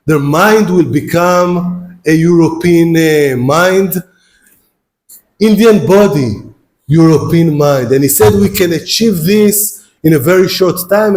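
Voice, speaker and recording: Speaking English as a second language after Hebrew, a guest lecturer with an Israeli accent gives a philosophy lecture in a lecture hall, addressing the students directly. His somewhat high voice has a darkish tone, and he often stumbles over and repeats words.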